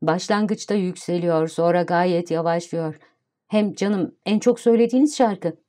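A woman's voice: fairly low pitch, moderate pace, mellow, natural voice. A woman voicing a poor, shy young man, an amateur violinist, who speaks timidly and overly politely in an audiobook reading. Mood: pleading.

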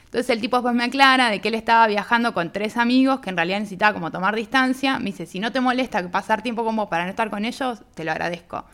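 A woman's voice: a little high, fast talker. A woman from Argentina with an Argentine accent, a guest on a radio interview, telling a travel anecdote in a casual way and acting out both sides of a conversation. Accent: Argentine Spanish. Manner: lively anecdotal, reenacts dialogue with "me dice".

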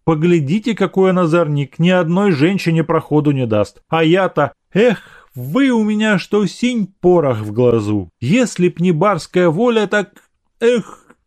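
Audiobook: male reader doing an imploring meek manservant, raised pitch. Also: expressive, moderate pace, hardly any pauses, darkish tone. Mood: pleading. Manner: pleading, imploring. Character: pleading devoted male manservant, timid.

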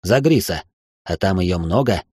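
A woman voicing a playful, good-humored nobleman in an audiobook, speaking low and teasing. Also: expressive, measured pace, mellow, breathy edge, no room sound, clean studio sound, full character voice.

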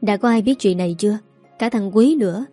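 A worried middle-aged village mother speaks firmly but coaxingly to her daughter, as a woman narrator puts her on. The voice is warm and mellow, at a middle pitch. Faint music plays underneath. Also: fairly quick, natural voice.

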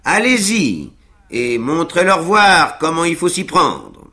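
A man's voice: a little high, wildly swooping pitch, takes it slowly, pushed and bright, pitched above the performer's own voice, exaggerated voice. Man doing a jaunty, coaxing manservant. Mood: cheerful. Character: cheeky cockney-style manservant, encouraging.

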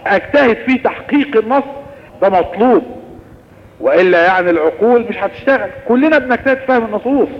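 A man with an Egyptian Arabic accent teaches Islamic law in a lively lecturing manner, his voice set high and his words tumbling out quickly. The recording is muffled and dull, with a long hall reverb trailing each phrase. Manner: lively explanatory lecturing, answering questions. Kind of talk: recorded religious lesson.

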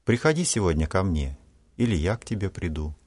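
Male reader doing a timid, soft-spoken schoolboy, gentle and low. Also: sing-song, brisk.

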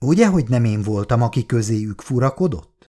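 A man's voice: medium pitch, animated, mellow, natural voice. A reader doing a doubting, troubled young man. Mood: brooding.

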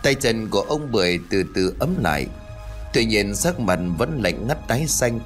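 A man narrating a ghost story in a lively storytelling manner. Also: lowish voice, moderate pace, faint music behind.

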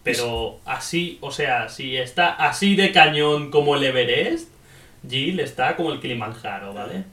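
A man's voice: medium pitch, animated, measured pace, pushed and bright. Man, casual game review chat, swears and laughs, roomy sound, slightly off-mic. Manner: swearing, joking, laughs often. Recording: roomy, a bit far from mic.

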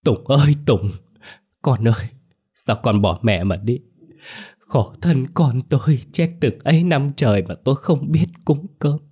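A man's voice: low voice, normal speed, a little mellow. A man voicing a grieving middle-aged mother who pleads and wails for her lost son. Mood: wailing. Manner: wailing, pleading.

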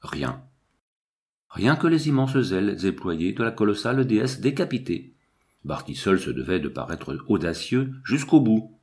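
Low, lively male audiobook narrator. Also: normal speed. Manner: expressive, lively storytelling. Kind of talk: scripted narration.

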